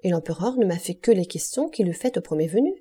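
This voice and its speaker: A woman's voice: lowish voice, animated, quick pace, warm tone, slightly rough. A woman reading the lines of an eager, courteous young male ship's mate in an audiobook. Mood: earnest.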